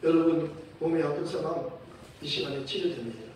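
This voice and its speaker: Man, pastor, sermon, warm mellow voice, echoey church hall, mic at a distance. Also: fairly high pitch, moderate pace, slight background noise. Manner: animated storytelling, acts out quoted voices. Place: church sanctuary.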